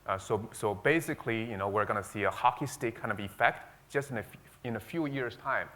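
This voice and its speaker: On a conference panel, a man who invests talks through his view in a voice that sits on the low side, fairly quick, pushed and bright. He hesitates a lot, with many fillers and restarts.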